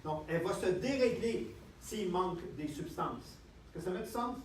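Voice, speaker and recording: A man with a Quebec French accent giving a lively seminar talk and checking in with the audience again and again. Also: high-pitched, moderate pace, slight background noise. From Canada. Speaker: health speaker. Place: lecture room with audience. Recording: echoey room, distant mic, faint ambience.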